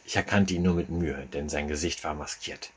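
A man reading a humorous short story aloud as narrator, with dry, deliberate storytelling. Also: rumbling low, slight background noise.

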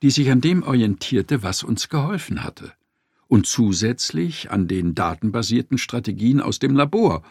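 A man narrating a nonfiction audiobook in an expressive storytelling manner. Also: medium pitch, moderate pace, slightly rough, dry recording, studio quality.

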